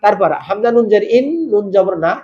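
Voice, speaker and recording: A man teaching Quran recitation rules, spelling out each letter and vowel mark and then drawing the words out slowly in a chanted style, asking the listener to repeat. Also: sits high, fairly even intonation, darkish tone, lo-fi sound. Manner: asks the listener to repeat after him. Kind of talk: step-by-step tajweed lesson.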